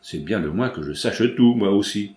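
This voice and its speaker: A man voicing a polite, puzzled gentleman who answers with formal courtesy, recorded in a roomy space. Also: fairly low pitch, lively intonation, moderate pace, close to an everyday voice. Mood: courteous.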